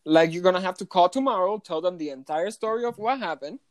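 A young woman casually telling a hotel front desk story as a podcast co-host, animated and swearing a lot, sometimes slipping into Spanish. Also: on the low side, fast talker, dry recording. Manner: switches between English and Spanish.

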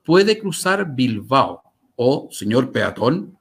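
His pitch sits at medium now, very animated but slow, with a breathy quality. This man, a Chilean Spanish-accented interview guest, tells stories and comments conversationally in an articulate, emphatic way, repeating phrases for emphasis.

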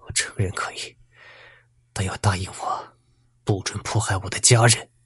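A man acts out a proud old village teacher who refuses to bow. He speaks in a low, husky half-whisper. The sound is close and dry. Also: normal speed, dry recording. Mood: despairing. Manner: hushed, whispery and defiant.

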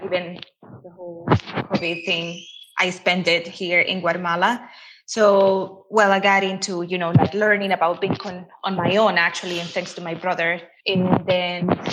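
A woman from El Salvador speaks in a relaxed interview. She talks freely and fills her sentences with "you know". Her voice sits at an ordinary middle pitch. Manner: chatty, many "you know" fillers. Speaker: guest. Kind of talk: casual interview talk.

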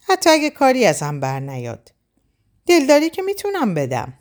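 A woman voicing a gentle, devoted young man in a storybook reading, speaking in soft, reassuring lines. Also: on the high side, huge pitch swings, pitched above the performer's own voice. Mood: tender.

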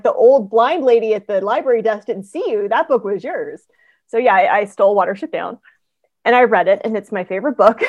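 Chatty animated woman guest. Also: medium pitch, no echo, highs cut off. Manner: animated storyteller, quick asides, frequent ums. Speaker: author guest. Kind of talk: casual interview chat.

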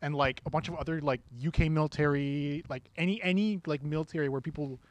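A young man rambles through a casual podcast chat, swearing freely and leaning on constant "like"s. His voice sits a little high and sounds dry and close on the mic, with no room around it. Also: quick pace, no echo, lo-fi sound. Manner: crude and rambling, heavy swearing and fillers. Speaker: podcast co-host. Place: small room.

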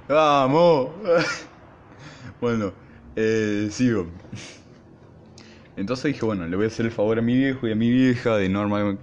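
A young man with an Argentine accent, hosting his podcast and telling a school story in a casual, slangy, animated way. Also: fairly low pitch, a little hiss or hum. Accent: Argentine Spanish. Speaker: podcast host.

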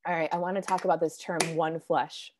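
A woman giving an earnest, conversational Bible teaching, a little hoarse as she recovers from losing her voice, clearing her throat now and then. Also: fairly low pitch, flat delivery, a little fast, noisy background. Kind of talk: devotional Bible teaching talk.

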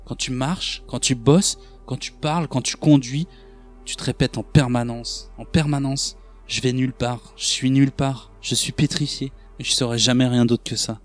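A man playing a bitter, self-loathing young street thug in a dramatic monologue, ranting in rough slang, with faint music underneath. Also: medium pitch, fairly even intonation, moderate pace, close to an everyday voice. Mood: brooding.

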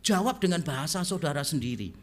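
A man's voice: a little high, fast talker. A middle-aged man, preaching as a pastor and telling stories while talking straight to the congregation. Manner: animated storyteller, keeps addressing the congregation directly. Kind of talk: sermon storytelling.

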